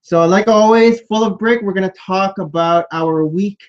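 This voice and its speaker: Man, co-host, casual chat, relaxed, muffled stream audio. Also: high-pitched, moderate pace. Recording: dull lo-fi livestream audio.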